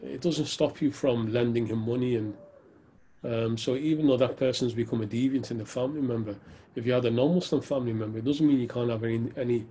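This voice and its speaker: A man's voice: mid-range voice, dark tone, a little hiss or hum. A man, an Islamic scholar, answering questions in an earnest, direct way during a live Q&A session, with casual banter. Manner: earnest, then teasing and laughing.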